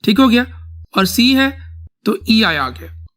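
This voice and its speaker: A man's voice: sits high, very animated, slow, fairly bright tone. A male teacher giving a classroom vocabulary lecture, switching between Urdu and English and often checking that his students follow. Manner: checks understanding often, calls students "beta".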